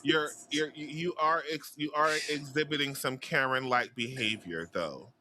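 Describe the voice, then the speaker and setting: A man's voice: on the high side, normal speed, over a noisy crowd. A man co-hosting a casual podcast chat, teasing and often laughing. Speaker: podcast co-host.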